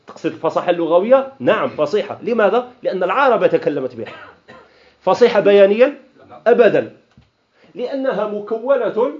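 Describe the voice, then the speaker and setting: An Algerian man lectures on Arabic grammar in a somewhat high voice whose pitch moves a great deal. He puts questions to the class and answers them himself, switching between classical Arabic and dialect. The recording sounds dull and lo-fi. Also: darkish tone. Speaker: Islamic studies teacher. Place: lecture hall of an association.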